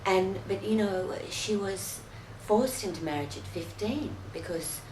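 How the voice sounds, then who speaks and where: A woman commenting on a video, halting and full of restarts. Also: medium pitch, lively intonation, roomy sound, background noise. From Australia. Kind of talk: casual commentary.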